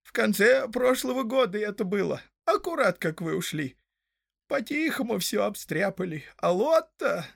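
A man voicing a fretful male hobbit villager in a storybook reading, with a slow, plaintive, complaining way of talking. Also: high-pitched, very animated, vocal fry, fairly bright tone, breathy edge, no room sound, studio quality, voice pushed up, full character voice. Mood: sorrowful.

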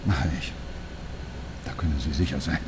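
In a radio drama, an actor with an extremely low male voice plays an earnest, troubled East German professor, speaking at normal speed over background noise. He sounds relieved, hesitant at times and emphatic at others.

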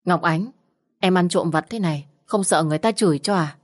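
A woman's voice: on the low side, fairly quick, natural voice. A woman voicing a timid young man in his twenties who complains and exclaims a lot. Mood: whiny. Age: 20s. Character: timid young man, whiny and easily scared.

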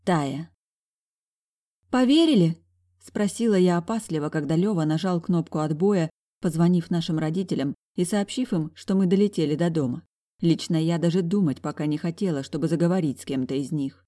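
A woman narrating a first-person audiobook, reading the dialogue with emotional, expressive delivery. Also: low-pitched, a little fast.

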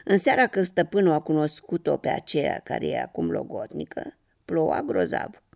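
A storyteller reads a children's story aloud at an even, calm pace. The voice has a strong gravelly texture and a steady middle pitch. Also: no echo, clean studio sound. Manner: calm narration, acts out many voices.

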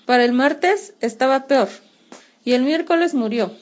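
A woman's voice: high voice, measured pace, voice pushed up. A woman voicing a chatty, gossiping neighbor woman in a storybook reading, gushing as she talks, on a muffled lo-fi radio recording. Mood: gossipy.

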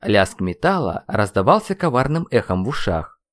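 A man's voice: lowish voice, very animated, moderate pace. A man reading a fantasy audiobook as a first-person narrator, telling the story expressively. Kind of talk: scripted narration.

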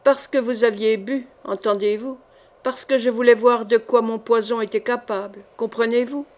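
A woman reading the part of a sinister male poisoner in an audiobook, cold and boastful, in her own slightly high voice. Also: fairly even intonation, moderate pace, a little mellow, close to an everyday voice.

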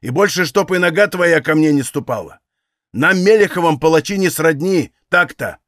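A stern, lame old Cossack father speaks loud and unbending. A man voices him while reading a novel aloud. His voice sits a little high for a man, dry and close to the mic. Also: animated, moderate pace, no echo. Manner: loud, firm, commanding.

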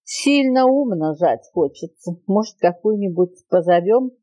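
A woman voicing a cheeky, excitable female monkey in a storybook reading, with an eager, mischievous manner. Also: mid-range voice, a little slow, no room sound.

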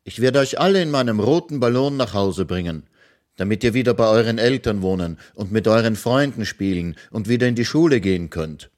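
Storybook little boy hero, eager, raised pitch, man reading it. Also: expressive, brisk, darkish tone, close to an everyday voice. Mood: triumphant. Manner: eager, proclaiming. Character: brave little boy rescuer, cheerful.

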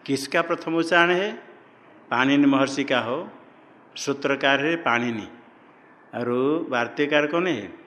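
A man's voice: mid-range voice, measured pace, pauses often, fairly bright tone. A man teaching a class on Sanskrit grammar. He repeats key terms and puts questions to his students. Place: ashram classroom. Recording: long hall reverb.

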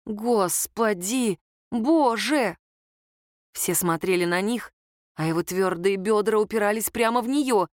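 Expressive woman reading an audiobook. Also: medium pitch, normal speed, no room sound, clean studio sound. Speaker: audiobook narrator. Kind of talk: audiobook narration.

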